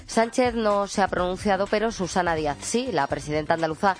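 A woman presenting a radio news roundup in a brisk manner, with chatty asides to her co-host. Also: lowish voice.

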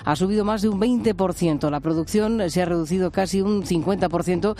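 A man reading news reports in a steady, even scripted delivery. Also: sits high, brisk, slight background noise.

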